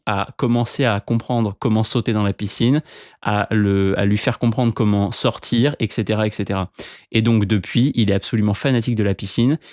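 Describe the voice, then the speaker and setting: A man hosting a casual solo podcast, telling stories in an animated way with lots of filler sounds, recorded at home in front of a bookshelf. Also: mid-range voice, no echo, studio quality. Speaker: podcast host.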